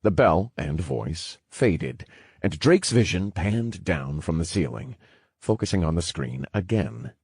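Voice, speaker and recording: A man narrating an audiobook in a measured, wry storytelling manner. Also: sits low, big pitch swings, a little mellow, breathy edge, no echo, clean studio sound.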